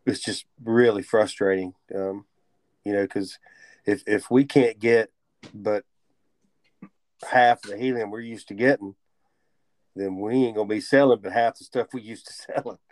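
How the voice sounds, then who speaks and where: A man co-hosting a podcast in casual chat, easygoing and quick to laugh, rambling through his thoughts. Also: lowish voice, fairly even intonation, darkish tone, dry recording. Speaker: podcast co-host.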